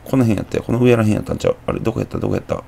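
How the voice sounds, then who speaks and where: Young man, Kansai accent, gravelly low voice, dark tone, muttering horror game commentary. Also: steady tone, rapid-fire. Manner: chatty, muttering to himself, jumpy exclamations. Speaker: gameplay commentator.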